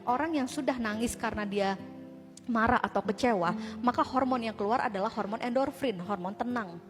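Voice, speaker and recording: Woman speaker, high voice, lively talk to a women's group, long hall reverb with music behind. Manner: animated and conversational, with rhetorical questions to the crowd. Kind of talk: motivational religious talk to a live audience.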